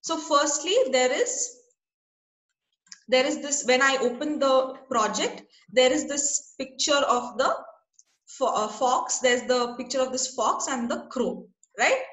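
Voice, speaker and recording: A woman leads an online class over a video call, patient and checking in often with her students. Her voice is high and bright. It sounds like she's in an echoey room. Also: a little slow. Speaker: teacher.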